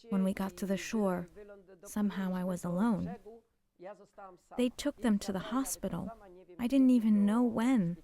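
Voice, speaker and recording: Older woman giving halting testimony. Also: medium pitch, dark tone. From Poland. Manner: halting, emotional, drops to whispers at painful moments. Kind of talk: personal testimony.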